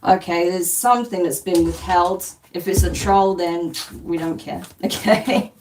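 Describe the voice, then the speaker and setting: A London woman with a slight New Zealand twang gives a reassuring collective tarot reading on a live stream, often checking in with "okay?" and "right?". Her voice is on the low side, steady and measured, recorded from a distance with background noise.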